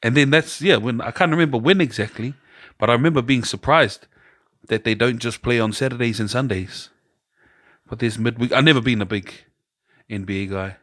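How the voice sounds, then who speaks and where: A man's voice: mid-range voice, a little fast, a bit bright, dry recording, clean studio sound. New Zealand man telling a rambling story. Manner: rambling storyteller, acts out quoted voices. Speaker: podcast host. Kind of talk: casual chat.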